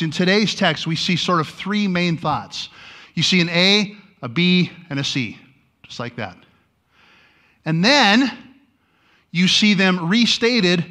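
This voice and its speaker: A man's voice: fairly high pitch, bright, forceful tone. A man preaching a teaching sermon in a conversational way, often restarting his sentences and adding wry asides to the congregation. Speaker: pastor.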